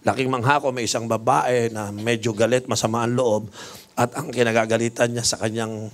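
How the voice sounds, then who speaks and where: A man's voice: mid-range voice, fairly even intonation, brisk. A male bishop preaching a sermon, telling stories with humor and mixing English phrases into his talk. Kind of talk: sermon with storytelling.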